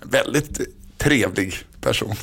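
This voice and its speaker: A man's voice: fairly low pitch, creaky, a bit bright, slightly rough. A man in his thirties co-hosting a podcast, chatting casually with a joking, rambling, self-mocking manner. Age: 30s. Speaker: podcast co-host.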